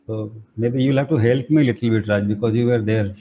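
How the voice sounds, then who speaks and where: A man's voice: medium pitch, fairly even intonation, brisk, muffled recording, crowd noise. A man leading an online spiritual class, talking loosely and rambling with many "you know" fillers over a video call. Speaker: spiritual teacher. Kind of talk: casual online class talk.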